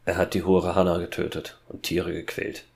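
A man's voice: deep voice, completely flat delivery, normal speed, creaky, darkish tone. A man voicing a stiff, formal royal huntsman in a horror fairy-tale audiobook.

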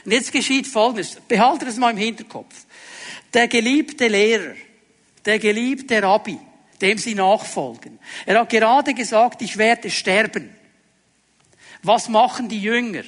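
A male pastor preaching a sermon, asking the congregation rhetorical questions and dropping to quiet tones for emphasis. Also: high voice, unhurried.

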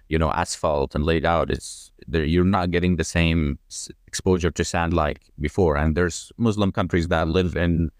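A man with an extremely deep voice talks through a long explanation, pausing on fillers and restarting his sentences. The sound is dry and close, with no room echo. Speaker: guest. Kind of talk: conversational explanation.

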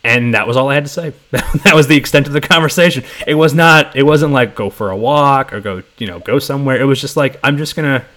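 A man's voice: medium pitch, quick pace, few pauses, a bit bright. A man hosting a casual podcast interview over a video call, joking and laughing often. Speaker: podcast host.

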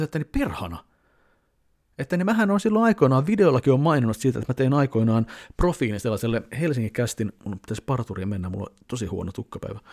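Rambling Finnish man telling a story. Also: medium pitch. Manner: rambling, many fillers, animated retelling with quoted voices. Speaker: vlogger. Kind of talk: casual storytelling vlog.

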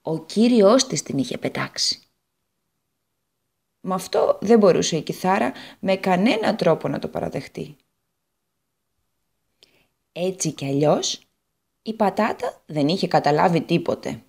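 A woman storyteller reading a children's story aloud on a radio show, in a calm, measured way. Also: fairly low pitch, vocal fry, breathy edge.

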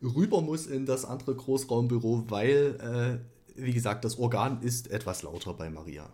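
A man chatting casually on a podcast, teasing drily in a halting delivery. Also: medium pitch, dark tone. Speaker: podcast participant. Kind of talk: casual, joking chat.

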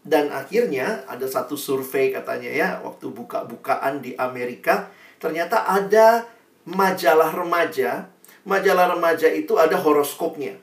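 A man's voice: normal speed, creaky. A man giving a storytelling sermon as a youth speaker, talking straight to the audience and acting out the people he quotes in a raised voice. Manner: animated, acts out quoted people in a higher voice; addresses the audience directly as friends. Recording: echoey room, voice from a distance.

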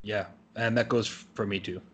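A man's voice: lowish voice, fairly even intonation, moderate pace, fairly bright tone, slightly rough. Podcast cohost guy, casual, stammers a lot, trails off. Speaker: podcast co-host.

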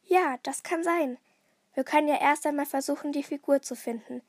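A woman's voice: high-pitched, normal speed, a little mellow, no echo, studio quality. A woman voicing a bold, cheerful boy detective who sounds confident and upbeat. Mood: plucky.

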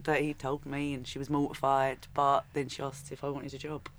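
A woman's voice: extremely low pitch, flat delivery, normal speed, a little hiss or hum. Matter-of-fact woman chatting as a guest. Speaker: podcast guest. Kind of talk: casual anecdotal chat.

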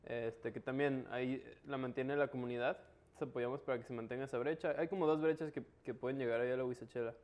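A man's voice: mid-range voice, steady tone, fast talker, darkish tone. A man with a Mexican Spanish accent explaining things in a casual, slangy conversation. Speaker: interview guest, local trail biker.

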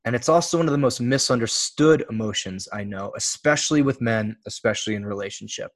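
A man's voice: medium pitch, fairly quick, no echo. A man hosting his own podcast, talking alone in a blunt, casual way, swearing freely as he tells stories from his life. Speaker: podcast host. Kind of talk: solo podcast monologue.

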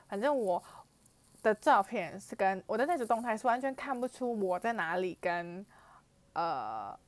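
A young woman with a Taiwanese Mandarin accent, animatedly retelling a personal story for her vlog with frequent fillers and exclamations. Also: medium pitch. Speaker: vlogger. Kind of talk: storytelling to camera.

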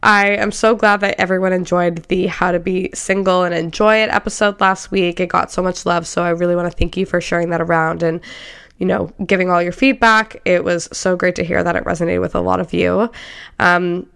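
A woman's voice: fairly low pitch, flat delivery, a little fast, vocal fry, a bit bright, clear, resonant tone. A young woman hosting her own podcast in casual, candid chat, sounding congested from a cold and often saying "like". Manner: chatty, candid, says like often. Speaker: podcast host.

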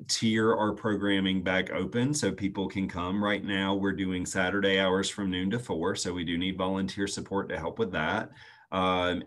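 A man, answering interview questions earnestly and at a measured pace with frequent "um" fillers. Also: deep voice. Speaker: youth nonprofit staff guest.

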